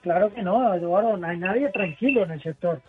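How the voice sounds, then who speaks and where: A man's voice: high-pitched, a little fast, over music. A man commenting on a radio panel, speaking frankly and bluntly. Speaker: automotive sector commentator. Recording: tinny phone-like radio line.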